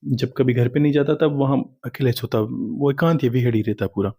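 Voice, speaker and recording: A man, a spiritual teacher, giving a calm spiritual discourse that tells stories and answers followers' questions. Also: medium pitch, moderate pace, no echo, studio quality.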